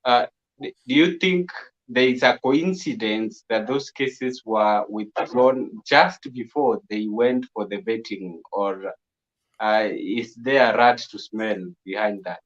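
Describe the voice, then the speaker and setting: Slow, halting man on a muffled call line. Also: on the low side. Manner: halting, repeats words while searching for them. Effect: muffled lo-fi online call line. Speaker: interviewer. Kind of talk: remote interview questioning. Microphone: video call. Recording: dull lo-fi video call audio.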